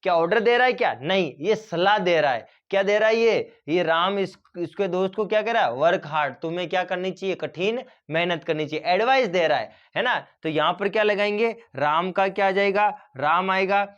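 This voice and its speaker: Man, teacher, high voice, muffled lo-fi recording, patient step-by-step grammar lesson. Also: a bit bright. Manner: explaining slowly, asking and answering his own questions.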